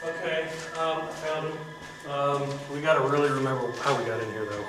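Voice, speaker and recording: A man's voice: on the high side, moderate pace, fairly bright tone. A man casually guiding a group underground, speaking in short, hesitant phrases. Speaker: guide in an exploring group. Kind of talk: casual chat. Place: underground corridors and tunnels of abandoned building. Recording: very noisy recording in underground tunnels.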